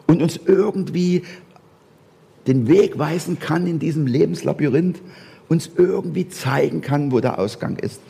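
A man delivers a sermon with a slightly husky, somewhat high voice. His pitch swings widely as he presses home repeated rhetorical questions. A long reverb trails each phrase, as in a church hall. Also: dark tone. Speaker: preacher.

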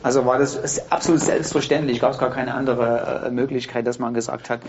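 A man, a pastor, telling his story in a relaxed discussion, lively and quick to laugh. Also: medium pitch, muffled recording, a little hiss or hum. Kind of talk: casual discussion.

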